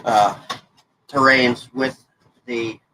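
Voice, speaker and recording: A stuffed-up, congested man in his 40s, a hobby crafting vlogger, chats in a folksy, rambling, self-correcting way while he crafts. His plain mid-range voice is steady but extremely slow, pushed and bright, with poor audio and faint noise behind him.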